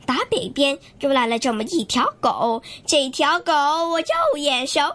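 A young woman student reciting a long tongue twister with steady rhythm. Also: high-pitched, a little slow. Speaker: student performer.

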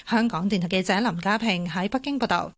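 Female news reporter, Hong Kong Cantonese, average pitch, formal scripted radio delivery. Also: a little fast.

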